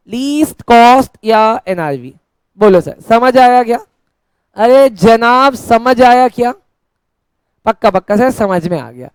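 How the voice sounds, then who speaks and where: A male teacher giving a lecture in a playful way, dictating notes slowly word by word and answering his own questions in a mock student voice. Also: sits high, darkish tone, clear, resonant tone, no echo. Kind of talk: classroom lecture.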